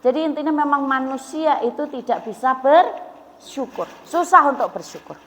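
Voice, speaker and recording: A woman's voice: high voice, lively intonation, moderate pace, fairly bright tone, in a large hall. A middle-aged woman preaching to a women's study group, asking questions and acting out quoted prayers. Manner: asks the audience questions, acts out prayers in quoted voices. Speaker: religious teacher. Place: mosque. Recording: muffled lo-fi sound.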